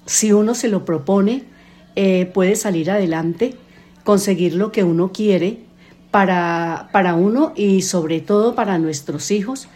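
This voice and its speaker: An older woman, a grandmother answering interview questions hesitantly, with many pauses and fillers. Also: medium pitch, dark tone. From Colombia. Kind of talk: casual family interview.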